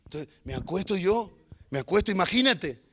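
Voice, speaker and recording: A man pastor preaching a sermon, telling a story with humor and swinging between loud and hushed delivery. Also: sits high, expressive, normal speed, breathy edge.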